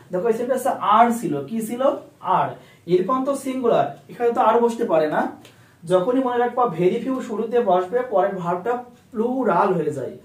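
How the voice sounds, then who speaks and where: A man's voice: sits high, a little mellow. A man teaching English grammar, asking questions and answering them himself. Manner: repeats key phrases, asks and answers own questions. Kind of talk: classroom lesson. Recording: roomy echo, a bit far from the mic.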